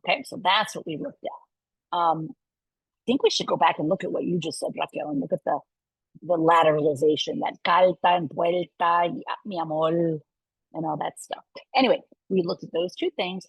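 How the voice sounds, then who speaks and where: A middle-aged woman giving a university lecture in a lively way, often checking in with her listeners. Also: lowish voice, vocal fry, breathy edge, dry recording, poor audio. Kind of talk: lecture to a live audience.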